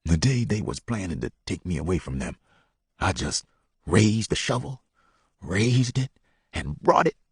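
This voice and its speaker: A man voicing a frightened runaway father who speaks in broken grammar, halting and hushed. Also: sits low, big pitch swings, slightly rough, no room sound, clean studio sound, pitched below the performer's own voice, heavily acted. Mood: anguished.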